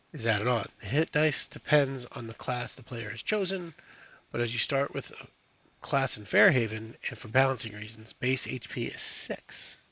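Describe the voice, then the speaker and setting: A man's voice: medium pitch, pushed and bright. Man thinking aloud on a live stream. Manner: thinking aloud with many fillers. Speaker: streamer playing a solo tabletop campaign. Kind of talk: casual live-stream chat.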